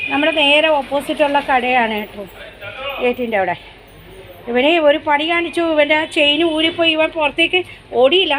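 A woman's voice: high-pitched, background noise. A woman vlogger chatting casually with viewers, repeating herself and coaxing her dog in baby talk, recorded on a phone outdoors. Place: outdoors at home near a gate.

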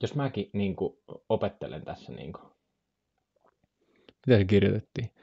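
A man's voice: on the low side, big pitch swings, gravelly, slightly rough, lo-fi sound. A young man from Finland chatting casually on a live stream, joking, rambling and trying out animal sounds.

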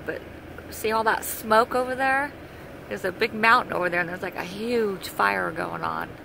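A woman's voice: medium pitch, moderate pace, vocal fry. A middle-aged woman chatting casually as she films her travels, laughing often and speaking unhurriedly. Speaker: vlogger filming her travels. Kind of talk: casual vlog narration. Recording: noisy phone audio with traffic and air conditioning.

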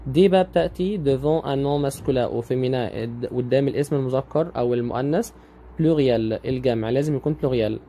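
A man with an Egyptian Arabic accent teaching French grammar online, patiently repeating each word slowly. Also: mid-range voice, mellow, a little hiss or hum.

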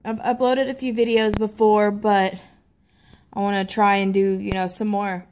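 A young woman from the American South with a Southern accent, chatting casually to camera in a hesitant, low-key way. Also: little pitch movement, moderate pace, darkish tone, a little hiss or hum. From Tennessee and Mississippi, United States. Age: young adult. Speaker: amateur vlogger. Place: small living room at home, seated in an armchair.

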